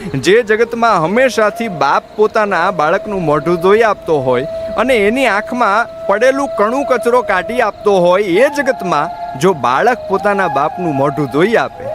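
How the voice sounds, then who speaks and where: A man narrating an audiobook in an expressive, dramatic storytelling manner. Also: sits high, noisy background.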